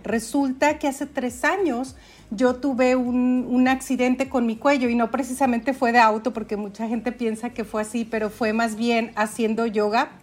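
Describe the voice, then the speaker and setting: A woman with a Mexican accent, a podcast guest telling her story in casual, chatty conversation. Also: a little high. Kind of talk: casual chat.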